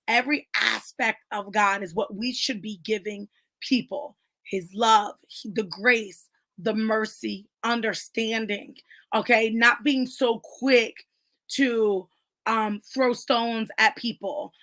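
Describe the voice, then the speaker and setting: A woman's voice: a little high, pushed and bright, no room sound. A woman in casual, emphatic conversation about faith at a book club, talking with lots of fillers.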